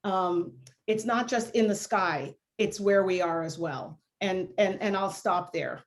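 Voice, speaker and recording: A woman's voice: mid-range voice, measured pace. A woman born in Jamaica and raised in Canada, a law school dean answering on a video panel in a reflective, candid way with many "you know" fillers.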